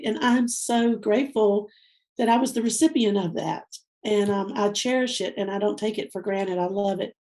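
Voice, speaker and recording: A woman in her fifties, a guest telling a personal love story in an interview, heartfelt and teary-eyed, going quiet and slow at the tender parts. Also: mid-range voice. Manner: heartfelt, softens and slows at tender moments. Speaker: guest speaker.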